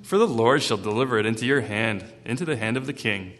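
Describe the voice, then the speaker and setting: A man's voice: mid-range voice, expressive, quick pace, fairly bright tone, natural voice. A man voicing a sarcastic male prophet who mockingly brushes off a king, heard with long hall reverb. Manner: mocking, offhand and dismissive.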